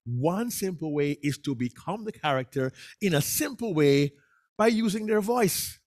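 Man, workshop presenter, very expressive pitch, teaching delivery. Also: normal speed. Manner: animated, acts out voices. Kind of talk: public speaking workshop talk.

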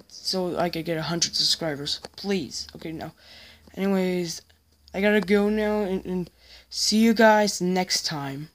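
A woman giving a casual, apologetic vlog update, rambling and halting with many restarts. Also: mid-range voice. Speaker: YouTuber.

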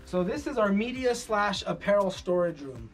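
A man in his thirties giving a relaxed walking tour of his company's warehouse and offices, with frequent fillers. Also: sits high, normal speed, distant mic. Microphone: camera following him, mic at a distance. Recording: echoey rooms, voice a bit off-mic, soft music underneath.

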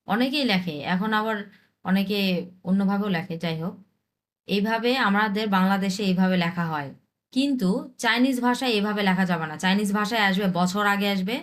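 A young woman from Bangladesh, teaching an online language lesson, repeating examples and reading English lines slowly. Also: mid-range voice. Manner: explains slowly with repeated examples, reads English text haltingly.

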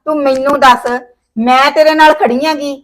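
A woman's voice: high voice, fairly even intonation, normal speed, lightly acted. A woman playing a homely, advising village mother. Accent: Punjabi. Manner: homely, advising, full of sayings. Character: caring older mother visiting her married daughter. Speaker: actor. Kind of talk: village short-film acting.

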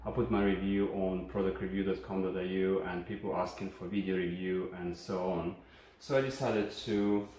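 Filmed on a phone from across his home kitchen, a man with a Ukrainian accent reviews a kitchen appliance for his channel. His voice sits on the low side and is a little mellow, and his unscripted explanations are friendly, casual, and full of hesitations. Echo and a faint hum fill the room.

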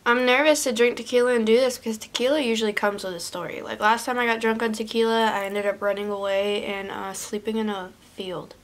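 A woman's voice: on the high side, fairly even intonation, fairly quick, few pauses. A young woman vlogging casually to camera indoors, talking in an informal, slangy, sweary way. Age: young adult. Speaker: video creator, channel host. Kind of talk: casual vlog chat to camera.

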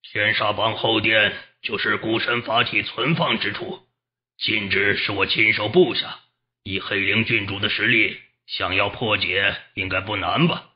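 A man's voice: on the low side, flat delivery, unhurried, close to an everyday voice. A man voicing a resentful, scheming male gang leader in an audiobook, speaking in a grudging, clipped and sullen way. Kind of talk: audiobook character voice. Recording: dull lo-fi audio.

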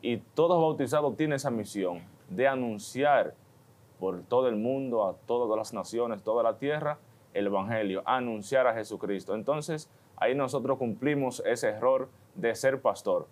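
A man's voice: mid-range voice, normal speed, darkish tone. A man who speaks for those with a religious vocation on a TV panel. He explains the Gospel in a thoughtful, step-by-step way, often linking his points with "entonces.".

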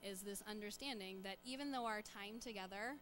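A woman leading a children's sermon in a church, coaxing the children along with lively questions. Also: mid-range voice, brisk, slight background noise. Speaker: church children's message leader. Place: church sanctuary.

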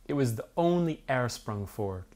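A British man in his thirties who reviews bikes for a magazine chats eagerly about a review in a small indoor office studio. His voice is medium-pitched at a normal speed, enthusiastic and animated, full of "like" and "basically." Crowd noise can be heard.

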